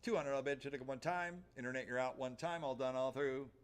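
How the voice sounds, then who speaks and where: A man's voice: medium pitch, clean tone. Male auctioneer calling bids. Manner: rhythmic, repetitive patter with rapid-fire numbers and stock phrases.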